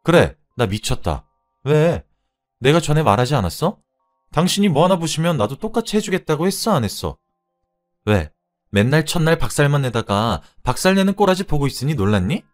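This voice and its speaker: A man voicing a furious, fed-up young wife who shouts and mocks her husband. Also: fairly low pitch, animated, fairly quick, soft background music, natural voice. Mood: sarcastic. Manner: shouting, scornful, biting.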